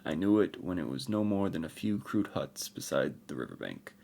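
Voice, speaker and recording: A man voicing an ancient armored warrior emperor, speaking formally and gravely in a rich voice. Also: a bass voice, very animated, normal speed, warm tone, exaggerated voice. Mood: weary. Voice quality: rich voice with an unfamiliar accent.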